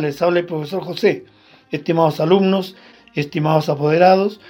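A man's voice: high-pitched, a little mellow. A man, a teacher giving a formal, explanatory lesson to pupils. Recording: dull lo-fi recording.

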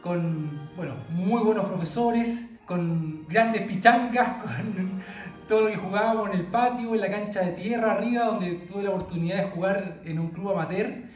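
A man's voice: high-pitched, moderate pace, faint music behind. A Chilean man with a Chilean accent recording an upbeat, encouraging greeting at home. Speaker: former student sending greetings. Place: his home. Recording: roomy, distant from the mic.

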